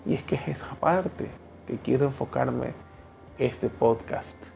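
Speaking slowly in a gravelly, mid-range voice with a darkish tone, this thirty-something man from Ecuador runs a solo motivational podcast. His Ecuadorian Spanish accent carries blunt, preachy talk aimed right at the listener, and the audio is dull and lo-fi with faint music behind it.

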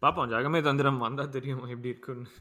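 A man with a South Indian Tamil accent chats informally at a very rapid pace. His voice sits at a middle pitch, and he moves freely between two languages. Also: fairly even intonation, sharp tone. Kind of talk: casual discussion mixing English with Tamil.

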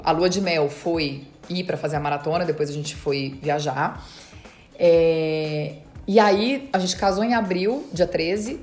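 Fast-talking woman telling her story. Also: fairly low pitch. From Brazil. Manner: fast, chatty retelling with quoted dialogue. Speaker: interview guest; dentist and marathon runner. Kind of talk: casual storytelling.

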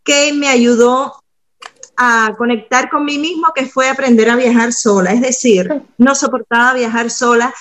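A woman from Cuba chatting as a podcast guest, talking through her daily habits and often slowing down to explain them. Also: on the high side, steady tone, a bit bright. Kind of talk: casual podcast chat.

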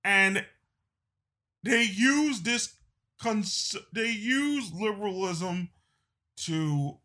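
Slow, bright-voiced male political commentator. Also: high voice, animated. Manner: slow, emphatic, repeats phrases and restarts. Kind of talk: opinion monologue.

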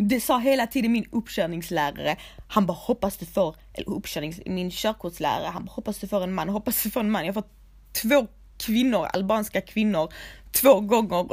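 A young woman talks casually and bluntly, handing out advice like a big sister. She swears freely and keeps calling her listener "gumman". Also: medium pitch. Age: 20s. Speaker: vlogger giving advice. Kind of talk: casual advice talk to camera.

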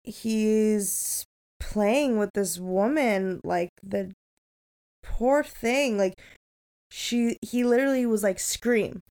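A woman with a mid-range voice co-hosts a casual podcast. She talks in a loose, conversational way, full of "like", with lively bursts when she retells a scene. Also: medium pitch, slow pace, clear, resonant tone. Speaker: podcast co-host. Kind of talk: casual film discussion.

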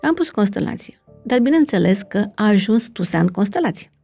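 Gravelly, mellow-voiced woman explaining. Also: mid-range voice, lively intonation, faint music behind. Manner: explains with many fillers and checking questions like "da?". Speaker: family constellations facilitator, guest. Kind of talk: conversational explanation in an interview.

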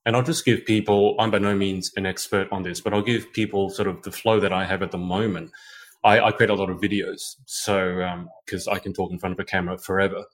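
A man with a very low, deep voice hosts a relaxed podcast chat. He talks in a loose, conversational way, restarting sentences and thinking aloud as he goes. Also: a little fast. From Australia. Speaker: podcast host. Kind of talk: conversational interview.

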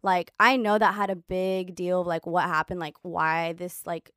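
A woman's voice: fairly low pitch, normal speed, clear, resonant tone, dry recording, clean studio sound. A woman casually telling a long story, swearing freely and saying "like" constantly. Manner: profane, animated, heavy use of "like".

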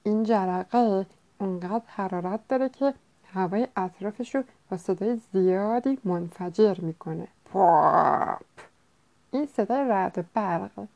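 Storybook: a woman putting on a mellow, soft-spoken clever beaver. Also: gravelly, lo-fi sound, natural voice. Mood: explaining. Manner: low, quiet and explaining. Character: calm, know-it-all beaver.

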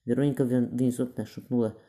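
Fast, dark-voiced male audiobook narrator. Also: medium pitch. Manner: steady, quick reading with small slips and self-corrections. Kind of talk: scripted narration of a historical novel.

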